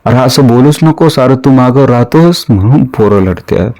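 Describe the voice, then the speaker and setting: A man's voice: mid-range voice, animated, moderate pace, creaky, dark tone. A man voicing a humble old village father. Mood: earnest. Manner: rustic village speech, earnest and emotional.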